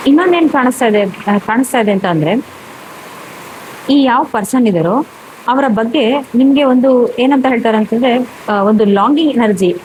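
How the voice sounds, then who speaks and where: Higher-voiced woman giving a tarot reading. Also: normal speed, long pauses, darkish tone, a little hiss or hum, rough recording. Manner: rambling, repetitive, many fillers and restarts. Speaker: tarot reader.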